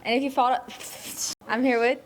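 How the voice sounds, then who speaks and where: A young woman asking quick questions in casual street interviews as a student reporter. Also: a little high, steady tone, a little hiss or hum, poor audio.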